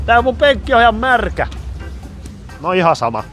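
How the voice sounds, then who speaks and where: A man vlogging at an amusement park, joking and shouting on the rides, his voice going hoarse. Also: high voice, soft background music. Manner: excited, jokey, shouts on rides. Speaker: YouTuber. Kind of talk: amusement park ride vlog. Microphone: action camera.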